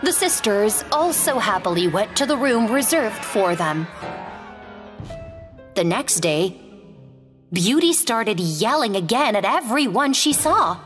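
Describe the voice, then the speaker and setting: Woman reading a kids fairy tale, slow and sing-songy, big reverb, soft music behind. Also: a little high. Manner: gentle, expressive read-aloud. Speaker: storyteller. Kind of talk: scripted fairy-tale narration.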